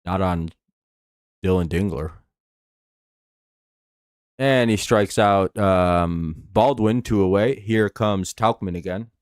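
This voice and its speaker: Low-voiced American man with whistling s. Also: slow pace, pauses often, smooth, dry recording, studio quality. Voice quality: slight lisp with whistling s from false teeth. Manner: rambling, profane, laid-back fan talk. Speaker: live stream sports host. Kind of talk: casual play-by-play commentary and chat.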